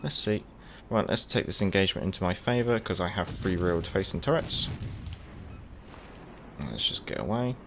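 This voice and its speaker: Chatting with his audience as he games, an Afrikaans-speaking South African man reads viewers' messages and answers them by name. His voice is low and gravelly, animated, at a moderate pace, with background noise present.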